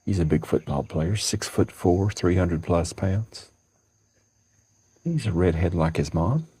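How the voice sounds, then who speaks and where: A man, calmly thanking viewers on a live stream from his porch. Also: low-pitched, measured pace, a little hiss or hum. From central Alabama. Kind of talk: casual chat on a live stream. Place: outdoors on a home porch at dawn.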